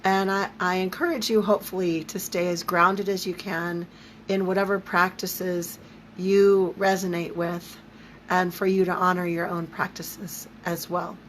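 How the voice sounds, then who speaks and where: Squeaky, allergy-strained woman teaching informally. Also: level tone, a little slow. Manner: conversational, emphatic, down-to-earth asides. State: throat and voice affected by allergy. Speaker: spiritual teacher leading a live online series. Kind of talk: informal livestream lesson. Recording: noticeable background noise.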